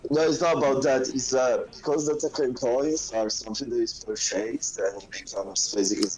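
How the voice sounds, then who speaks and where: A man talks through a phone mic so muffled and crackling that his voice sounds gurgled and underwater. He chats casually on a streaming panel, hesitant and halting, with plenty of fillers between his words. His pitch sits at an ordinary middle level for a man. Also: fairly even intonation, a little mellow. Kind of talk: casual chat.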